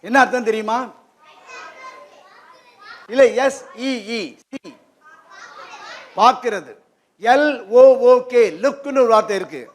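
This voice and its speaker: A man giving an interactive lesson to children in a library hall, keeping them engaged with quick questions. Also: extremely high pitch, a little hiss or hum. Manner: lively, keeps quizzing the audience with quick questions. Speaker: guest presenter at a children's program.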